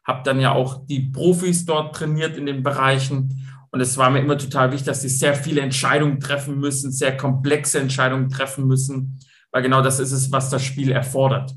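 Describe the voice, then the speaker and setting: A middle-aged man with a Swabian accent, answering as a guest in a podcast interview and explaining his coaching work in a lively way. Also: medium pitch, normal speed. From Swabia, Germany. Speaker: guest, youth football coach and company owner.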